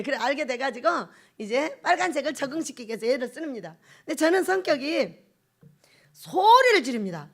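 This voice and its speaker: High, lively middle-aged woman preacher. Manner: lively storytelling, acts out family quarrels, laughs often. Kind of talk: sermon with personal stories.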